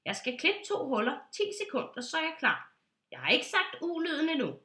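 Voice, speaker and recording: A woman's voice: wildly swooping pitch, heavily acted. A woman doing a meek teddy bear. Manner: meek, apologetic, lower and softer. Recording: roomy echo.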